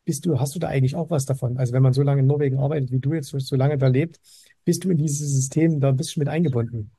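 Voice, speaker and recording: A man hosting a podcast interview in a casual, halting way, with many fillers and restarts. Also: mid-range voice, dark tone, husky, dry recording, studio quality. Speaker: podcast host. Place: Dubai.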